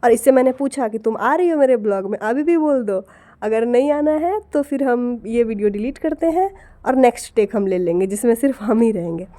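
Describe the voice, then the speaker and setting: Chatty hoarse woman with a cold. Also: a little high, lively intonation, brisk, mellow. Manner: chatty, talks straight to viewers. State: hoarse from a cold, scratchy throat. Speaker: vlogger. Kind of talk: casual vlog narration.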